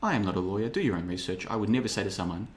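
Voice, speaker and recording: A man in his thirties talks through a casual livestream monologue, his voice sitting on the low side. He rambles, repeats himself and slips into mocking impressions of other people with a sarcastic streak. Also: expressive, racing. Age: 30s. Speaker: podcast host.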